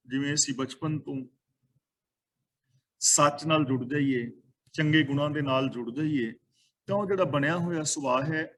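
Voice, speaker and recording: A man giving a sermon, chanting scripture lines slowly and then explaining them plainly. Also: on the high side, poor audio. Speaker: Sikh scripture teacher.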